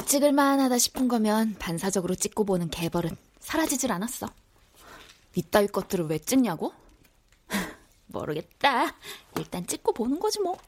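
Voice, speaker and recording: An actress playing a curious, easily startled housewife, exclaiming and flustered, in a radio drama. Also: female voice, mid-range voice, big pitch swings, normal speed.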